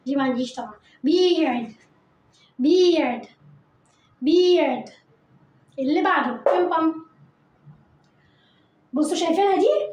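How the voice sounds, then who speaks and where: High-voiced Egyptian woman teaching English words. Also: darkish tone, reverberant, dull audio, slight background noise. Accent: Egyptian Arabic. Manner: repeats each word slowly, coaxing pupils to say it after her. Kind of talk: vocabulary lesson for children.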